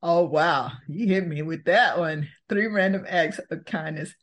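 A woman, answering interview questions in a thoughtful, unhurried way and laughing easily. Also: low voice. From Texas, US. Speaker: podcast host, guest.

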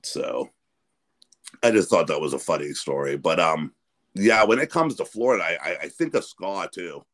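A man's voice: low voice, lively intonation, moderate pace, a bit bright. A man, hosting a podcast in casual, rambling chat full of restarts. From Pennsylvania. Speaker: podcast host.

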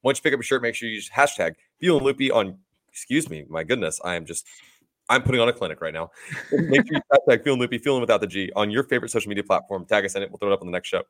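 A man's voice: on the low side, lively intonation, racing, fairly bright tone. A young man co-hosting a casual sports podcast, rambling upbeat through ad reads and laughing at his own stumbles. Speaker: podcast co-host.

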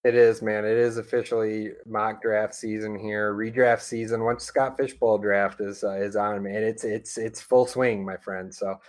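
A man hosting a fantasy football podcast and signing off the show in a relaxed way, with plenty of ums and you-knows. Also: fairly low pitch, moderate pace, few pauses. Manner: relaxed, filler-heavy, friendly. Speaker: podcast host. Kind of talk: casual podcast sign-off.

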